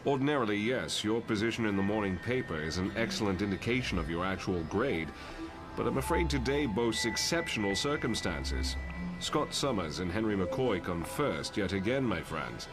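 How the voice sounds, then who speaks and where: Man playing Professor Xavier, stern low-voiced mentor. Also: expressive, lightly acted. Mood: measured. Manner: formal, measured, lecturing. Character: stern, lofty male professor, leader of mutant pupils. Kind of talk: motion comic voice acting. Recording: music behind the voice.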